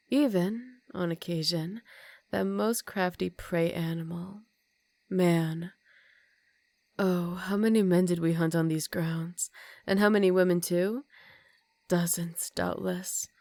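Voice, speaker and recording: A woman playing an ancient, aristocratic vampire countess in an intimate ASMR roleplay, speaking softly and formally with a teasing, condescending manner and some whispered phrases. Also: on the low side, gravelly, dry recording. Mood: quietly menacing.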